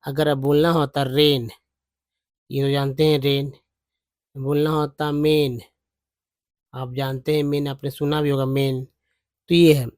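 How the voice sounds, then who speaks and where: A man's voice: mid-range voice, level tone, a little mellow, no echo. A man teaching English reading in Hindi. He sounds out English words syllable by syllable with an Indian accent and talks to viewers as friends. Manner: reads English text word by word, slowly sounding out syllables; addresses viewers as friends, repeating and explaining patiently.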